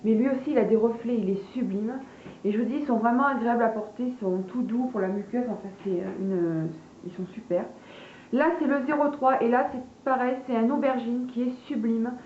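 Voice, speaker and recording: A woman's voice: on the high side, fairly quick. A woman beauty vlogger chatting casually through a product haul, hesitant with many fillers and addressing her viewers as girls. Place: room at home, party noise from below. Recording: echoey room, dull lo-fi sound, faint party noise.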